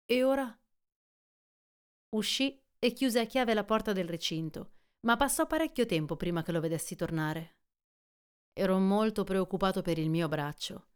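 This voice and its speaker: A woman reading a classic adventure novel aloud as an audiobook, in an even, measured storytelling manner. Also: mid-range voice, clean tone. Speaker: audiobook reader. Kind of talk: scripted literary narration.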